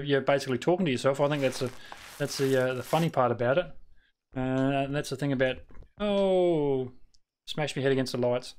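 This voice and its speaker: This Australian streamer's voice is medium-pitched and clean-toned. He talks casually to his audience as he plays, muttering at the game and rambling with lots of fillers and restarts.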